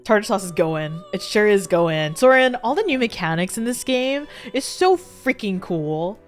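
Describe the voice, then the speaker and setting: A woman's voice: medium pitch, big pitch swings, moderate pace, soft background music. A young woman streaming a game, chatting casually and giggling with her viewers.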